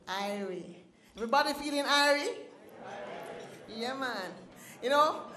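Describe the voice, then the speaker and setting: A woman's voice: a little high, a bit bright. A woman, the founder and president of an organization, speaking to an awards audience with a rhythmic, sing-song delivery. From Caribbean. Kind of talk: ceremony speech with poetry recital. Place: banquet hall at an awards ceremony. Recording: echoey banquet hall.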